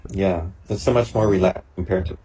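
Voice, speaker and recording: A man's voice: low voice, fairly quick, background noise. A man, making small talk with eager interjections on a video call. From Canada. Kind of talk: casual video-call chat.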